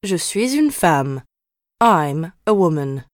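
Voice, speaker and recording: A woman reads short drill sentences at a very slow, deliberate pace. Her voice is fairly low for a woman. The sound is dry and close to the mic. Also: sing-song, no echo. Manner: slow, clearly spaced model sentences. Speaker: reader of example sentences. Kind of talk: scripted language drill.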